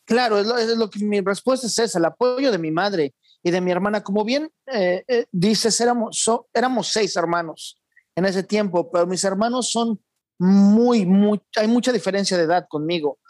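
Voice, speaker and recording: A man, a guest in an interview, speaking in a reflective, measured way with some restarts. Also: sits high, a little mellow, dry recording, studio quality. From born in Argentina, raised in Mexico. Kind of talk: conversational interview.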